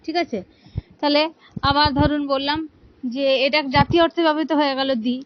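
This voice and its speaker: Woman teacher explaining english grammar, slightly high voice, keeps asking the class questions, dull lo-fi sound. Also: fairly even intonation, a little fast, a little hiss or hum. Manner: patient, asks rhetorical questions, repeats "ঠিক আছে". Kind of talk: explanatory lesson.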